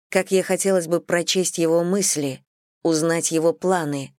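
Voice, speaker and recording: An audiobook narrator reading a thriller novel in an even, steady storytelling manner. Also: mid-range voice, no echo, clean studio sound.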